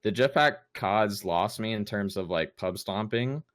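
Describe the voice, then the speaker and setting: A man's voice: lowish voice, measured pace, dry recording, studio quality. A young man in casual chat on a gaming podcast, rambling with lots of fillers and restarts. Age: young adult. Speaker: podcast co-host.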